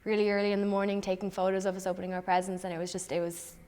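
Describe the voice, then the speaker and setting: Quick, flat-voiced young woman. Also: mid-range voice, clear, resonant tone, in a large hall. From Ireland. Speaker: interviewee. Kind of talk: documentary interview.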